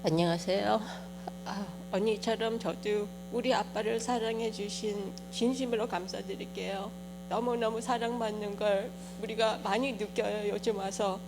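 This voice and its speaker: A woman's voice: mid-range voice, steady tone, normal speed. A woman gives a short, polite speech of thanks on behalf of her family. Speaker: younger daughter giving family thanks. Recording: clear electrical hum.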